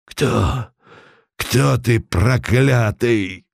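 A man doing a hoarse, snarling old bandit. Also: medium pitch, drawn-out words, no echo, clean studio sound, heavily acted. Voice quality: hoarse, rasping.

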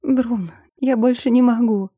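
A woman voicing a playful, stubborn young female vampire who is an art student, in a higher, teasing voice. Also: a little slow, mellow, husky, no room sound, studio quality. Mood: tearful.

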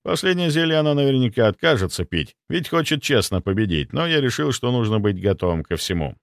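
A man reading an audiobook as narrator in an expressive storytelling manner. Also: mid-range voice, fairly quick, vocal fry, no echo, studio quality.

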